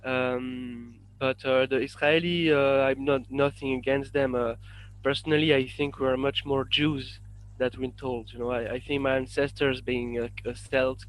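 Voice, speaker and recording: A man from France with a French accent, a guest on a podcast interview, talking in a halting way full of fillers and restarts. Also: mid-range voice, level tone, a little hiss or hum, poor audio. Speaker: guest, independent researcher.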